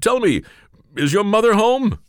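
A man voicing a hearty Santa Claus with a booming laugh. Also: sing-song, unhurried, smooth, no echo, clean studio sound. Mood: jolly.

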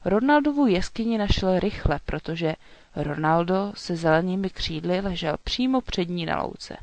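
Calm children's storybook narrator, dry close sound. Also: medium pitch, no echo.

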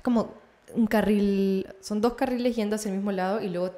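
A young woman with a Peruvian Spanish accent telling a road story in casual chat, animated and often laughing. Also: mid-range voice, brisk. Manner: animated, laughing, acts out voices in her anecdotes.

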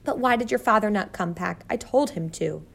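Woman reading as a sharp-tongued mother mouse, brisk and scolding, slight gravel, storybook. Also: mid-range voice.

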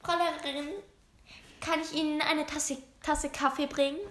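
A girl doing a sugary, flattering suck-up. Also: high voice, normal speed. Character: sucking-up flattering schoolgirl. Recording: roomy echo.

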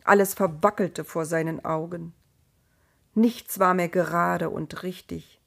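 A woman narrates a storybook tale in a calm, measured way. Her voice sits a little low and she takes her time over every phrase. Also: vocal fry.

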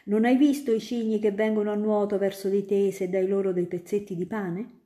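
A woman performs a kind young male student telling a little girl whimsical stories in a storybook reading, pitching her medium voice above her own while keeping it close to everyday speech. She talks a little fast, enthusiastic and animated. The recording sounds echoey and roomy.

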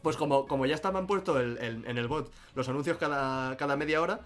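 A man's voice: medium pitch, a little fast, fairly bright tone, faint music behind. A man from Catalonia with a Catalan accent, chatting casually on a live stream and laughing often. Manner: laughs often, breaks into mock-angry quotes.

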